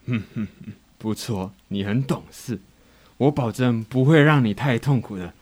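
A man's voice: mid-range voice, moderate pace, darkish tone, natural voice. A man voicing a hungry, wily male wolf in a children's story, with a smug, menacing way of talking.

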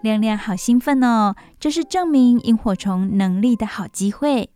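A woman radio host reading a bedtime story for children, expressive, with asides to listeners. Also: fairly high pitch, moderate pace, soft background music. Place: radio studio.

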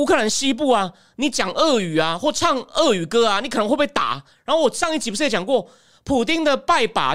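A woman giving emphatic, animated political commentary as a podcast host. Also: sits high. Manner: animated, emphatic, acts out quotes.

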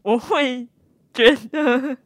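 A woman co-hosting a podcast, reacting quickly and bluntly and swearing casually. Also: high voice, dry recording. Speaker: podcast co-host. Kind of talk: casual chat.

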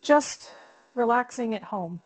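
A woman's voice: fairly high pitch, animated, slow, dry recording, rough recording. A woman giving short, plain scripted answers in a dialogue drill. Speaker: example speaker in a dialogue drill.

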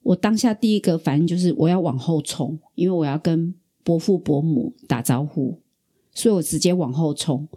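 A middle-aged woman from Taiwan hosting a podcast, telling a personal story in a lively, chatty way. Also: low voice, moderate pace, breathy edge. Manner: animated storyteller, acts out quoted voices. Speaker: podcast host. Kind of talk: casual storytelling.

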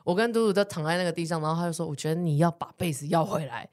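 Lively woman telling stories. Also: lowish voice, rapid-fire. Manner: animated storyteller, swears, laughs often, acts out quoted people. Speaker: podcast co-host. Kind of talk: casual chat, storytelling.

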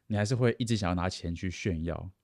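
A man's voice: deep voice, fast talker, no room sound, clean studio sound. A man giving casual advice, chatty, acting out boastful people and laughing at himself. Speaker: self-help speaker.

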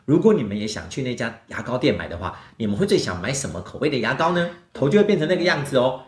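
A man's voice: mid-range voice, fast. A man with a Taiwanese Mandarin accent telling a picture-book story to small children, playful and coaxing with simple questions, often giggly. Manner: giggly, animated. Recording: echoey room.

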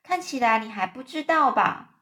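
Kind gentle ladybug, read by a woman. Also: a little high, animated, moderate pace.

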